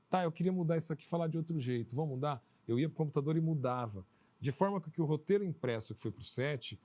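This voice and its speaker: A Brazilian film director from outside Maranhão answers interview questions conversationally, telling stories through small quoted asides. His voice is slightly high with a dark tone.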